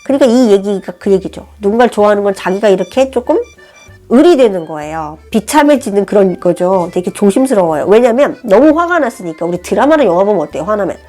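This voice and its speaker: Lively woman teaching a language. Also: medium pitch, fast talker. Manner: animated, friendly explaining. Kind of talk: language lesson, reading a novel aloud and explaining. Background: soft background music.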